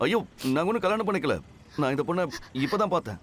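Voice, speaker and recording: A man's voice: high voice, lively intonation, racing, fairly bright tone, slight background noise. An actor playing an irritable young man who defends himself in an exasperated tone.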